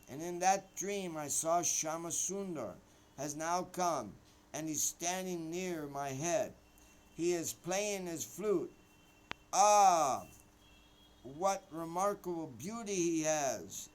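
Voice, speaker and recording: A man voicing a gentle devout young man who speaks in a calm, controlled way. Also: a little high, low-quality recording. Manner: calm, controlled, softly devotional.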